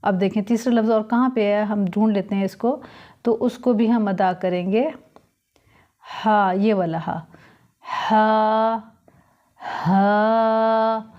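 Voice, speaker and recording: A woman's voice: mid-range voice, fairly even intonation, slow, pauses often, a little mellow, dull audio. A woman teaching Quran letter pronunciation, sounding out each letter carefully and explaining patiently. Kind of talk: slow letter-by-letter recitation lesson.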